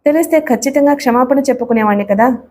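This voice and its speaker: A woman voicing a bewildered middle-aged husband who pleads softly and slowly with his wife. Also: sits high. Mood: pleading. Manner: soft, coaxing, slow.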